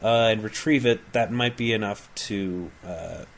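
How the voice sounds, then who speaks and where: A man's voice: on the low side, a little slow, gravelly, slight background noise. A man acting as game master of a tabletop game over a call, explaining lore with many fillers.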